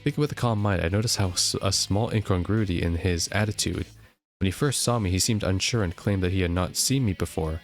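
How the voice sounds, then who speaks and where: Deep-voiced man reading game text. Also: brisk, soft background music. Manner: steady reading, jokes about own slips. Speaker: gameplay narrator.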